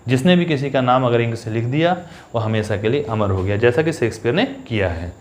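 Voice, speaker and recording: A man's voice: mid-range voice, lively intonation, slight background noise. Man teaching poetry for exams. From India. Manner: explains step by step, reads lines slowly with stress on each syllable. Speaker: English teacher. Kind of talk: exam-focused poetry lesson.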